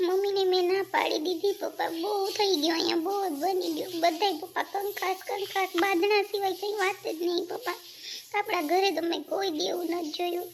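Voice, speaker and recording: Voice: steady tone, a little fast, a little hiss or hum. A voice actor playing a homesick young married daughter in a cartoon, pleading and weepy. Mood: weary pleading. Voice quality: very high, gravelly voice. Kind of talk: Gujarati cartoon voice acting.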